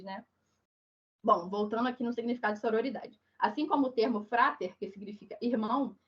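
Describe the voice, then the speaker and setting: A Brazilian woman with a hoarse, croaky duck-like voice from flu, giving an online lecture in a didactic manner, often checking in with her listeners. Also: a little high. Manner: didactic, frequent check-in tags. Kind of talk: online lecture on social issues. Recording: dull, muffled online call audio.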